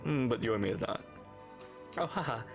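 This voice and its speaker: A woman doing casual, expressive reaction commentary as she plays a video game and reads its dialogue. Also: a bass voice, normal speed, vocal fry, lo-fi sound. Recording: faint game music behind.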